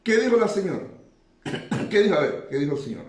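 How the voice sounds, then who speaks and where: A man's voice: high-pitched, big pitch swings, brisk. Man preaching a sermon in an echoey room. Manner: preaching, repeats phrases for emphasis.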